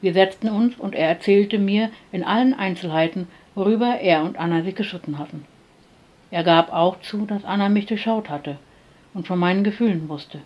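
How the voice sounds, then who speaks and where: A woman narrating a first-person story in a soft, calm reading voice. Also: medium pitch, normal speed, dull audio. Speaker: audiobook narrator.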